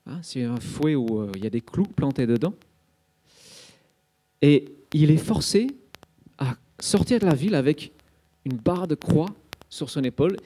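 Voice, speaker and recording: A man preaches an Easter sermon as a vivid story, dramatizing the scenes and dropping frequent little fillers like "hein" and "euh". His voice is a little high, animated and mellow, a little slow, with long pauses.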